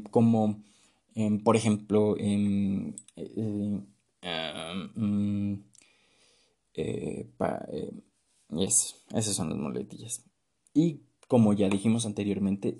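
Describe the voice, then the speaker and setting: A man's voice: fairly low pitch, gravelly, dark tone, breathy edge. A man giving an informal class presentation in a conversational way, with many fillers and tag questions. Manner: acts out short voice examples. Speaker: presenter teaching communication.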